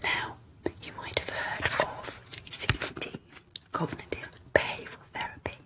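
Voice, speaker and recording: A woman ASMR video creator performs a whispered role-play, using a soft, unvoiced whisper. She speaks slowly and deliberately.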